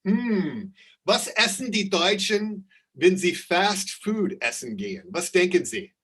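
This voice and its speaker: A man teaching a live online German class, slowly repeating questions and reading out his students' answers. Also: high-pitched, sing-song, a bit bright, slightly rough, low-quality recording.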